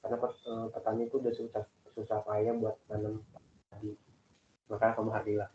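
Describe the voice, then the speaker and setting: A young man chatting casually with classmates, rambling and animated as he tells about his family. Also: lowish voice, a little fast, slight background noise. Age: young adult. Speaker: student in group discussion. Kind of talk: casual chat. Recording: echoey, phone-like call audio.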